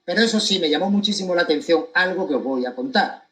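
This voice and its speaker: A man with a slightly high voice and a Spanish accent from Spain addresses his audience in a monologue. He is deliberate and emphatic, setting key phrases apart with pointed pauses. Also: lively intonation, a bit bright. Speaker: commentator giving his account of a court case.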